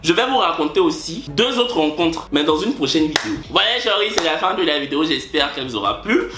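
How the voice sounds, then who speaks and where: Animated Ivorian French man in a roomy space. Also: sits high. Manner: playful, theatrical, laughs often. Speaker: vlogger. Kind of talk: casual storytelling to camera. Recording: roomy sound with faint music.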